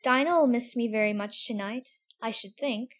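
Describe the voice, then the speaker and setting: A woman's voice: on the high side, moderate pace, natural voice. A woman playing a curious, chattering young girl in a full-cast audiobook, talking to herself in a prim, wondering way. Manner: prim, wondering self-talk.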